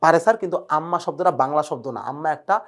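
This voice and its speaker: A man's voice: a little high, fairly bright tone. A male teacher, giving a recorded exam-prep lecture. He talks eagerly about where words come from and keeps checking whether the students follow. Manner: fast, checks in constantly with "clear, sir?"; enthusiastic about word origins.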